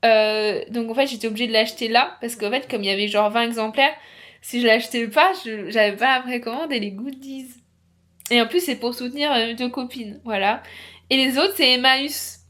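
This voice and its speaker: A chatty young woman with a slightly high voice, rambling casually to camera in a book vlog. She talks loosely, with lots of fillers and restarts. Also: normal speed, fairly bright tone. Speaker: book vlogger.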